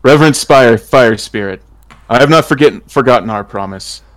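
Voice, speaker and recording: A man's voice: medium pitch, moderate pace, crowd noise, natural voice. A man playing a polite, honourable werewolf traveler in a tabletop game, speaking in a formal, solemn way. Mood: respectful. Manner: formal, deferential. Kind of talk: tabletop role-play character acting.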